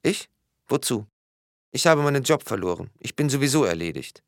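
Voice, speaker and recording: A man's voice: mid-range voice, sing-song, moderate pace, dry recording, studio quality, pitched above the performer's own voice. A man voicing a stunned, self-pitying male tax official speaking in a plaintive tone, in a read-aloud crime story.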